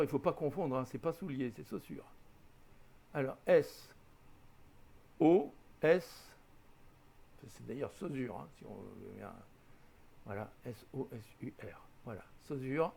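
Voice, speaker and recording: A man hosting a flight simulator tutorial, chatting patiently, spelling out letters and correcting his own slips. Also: a little high. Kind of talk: casual screen-recorded tutorial.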